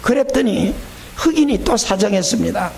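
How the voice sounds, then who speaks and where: A male pastor preaching at a revival meeting, telling a story in an animated way. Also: high-pitched, moderate pace, gravelly.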